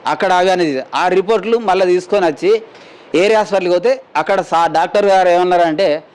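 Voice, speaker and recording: An injured mine worker from Telangana, India, retells his story for a news camera with a high, smooth, darkish voice and fast delivery. His account is plain and rambling, with others quoted in dialogue.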